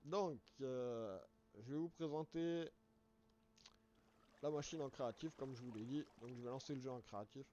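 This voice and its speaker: Man, hoarse, live game streamer, rambling explanations, dark warm tone, muffled lo-fi audio. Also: mid-range voice, normal speed, a little hiss or hum. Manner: rambling, restarts words, explains step by step.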